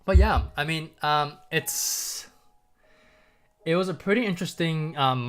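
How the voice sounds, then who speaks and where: Slightly stuffy from congestion, a man running a market livestream speaks to his audience in a medium-pitched, somewhat bright, clean voice. It's casual, chatty talk peppered with "um," rhetorical "right?" and the occasional light chuckle.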